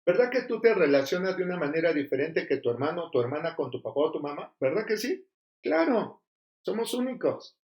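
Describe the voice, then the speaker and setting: A man delivers a sermon from the pulpit, pressing his points with rhetorical questions and emphatic turns. His voice sits a little higher than most men's, and it rings through an echoey room. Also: animated, fast, few pauses, muffled recording. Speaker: pastor.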